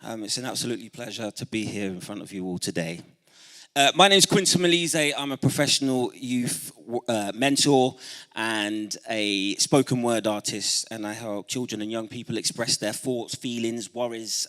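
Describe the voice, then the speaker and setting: Spoken word guy at a church hall event, bright punchy voice, rhythmic lists, gets the crowd going. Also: lowish voice. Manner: rousing, calls on the audience to respond. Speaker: youth mentor and spoken word artist. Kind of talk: speech at a celebration event.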